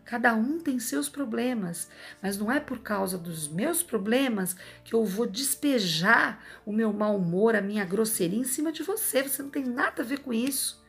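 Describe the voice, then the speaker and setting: A Brazilian woman with a Brazilian Portuguese accent speaks from a hospital in an earnest, lecturing monologue. Her fairly high voice has a gravelly fry, and she keeps tossing in rhetorical asides to her viewers. Soft music plays faintly underneath. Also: animated, moderate pace, few pauses. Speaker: advice vlogger. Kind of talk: emphatic personal monologue.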